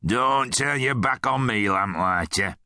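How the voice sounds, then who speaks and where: A man voicing a gruff, bullying male hammerhead mine guard who growls and taunts in a storybook reading. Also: medium pitch, unhurried, pushed and bright, dry recording, clean studio sound. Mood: menacing taunts.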